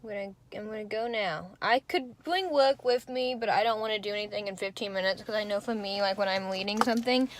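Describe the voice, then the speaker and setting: Vlogging from her car and around campus, a young woman in college talks casually to the camera, narrating her day in a rambling way. She speaks briskly in a mid-range voice with few pauses, and there's no room sound.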